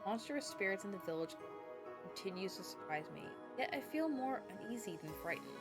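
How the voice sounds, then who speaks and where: A woman's voice: mid-range voice, animated, a little fast. A woman game streamer reading narration and dialogue from a story game aloud. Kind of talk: reading visual novel text aloud as a story. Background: background music.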